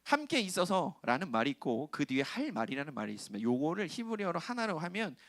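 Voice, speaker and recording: A middle-aged male pastor gives a sermon to young adults, with a fairly high voice that rises and falls a great deal. He talks in a conversational way, puts questions to his listeners and acts out quoted lines. The sound is dry and close, with no room echo. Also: sing-song, quick pace, a bit bright.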